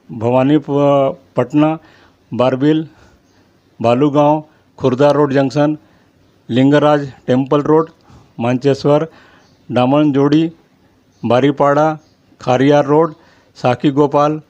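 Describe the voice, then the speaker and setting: A man hosting his own channel, reading out a long list of names in a steady rhythm and apologizing now and then for his pronunciation. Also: a little high. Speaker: channel host. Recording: slightly dull lo-fi audio.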